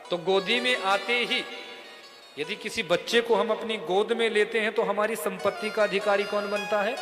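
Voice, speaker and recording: A male preacher telling a sacred story in a devotional sermon, lively and addressing listeners with direct questions. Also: sits high. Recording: echoey hall with music behind.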